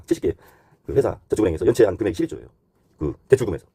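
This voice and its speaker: A low-pitched man speaks very fast in an expressive, creaky voice with a dark tone and a breathy edge, recorded with studio quality and no echo. As a host, he gives unscripted explanatory commentary, moving conversationally point by point and shifting between polite and blunt in casual phrasing.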